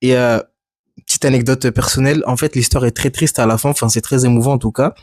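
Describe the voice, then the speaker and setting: A man's voice: medium pitch, steady tone, fast talker, darkish tone, dry recording, clean studio sound. A young man from France chatting as a podcast guest, rambling and teasing, full of asides. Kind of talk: casual podcast chat.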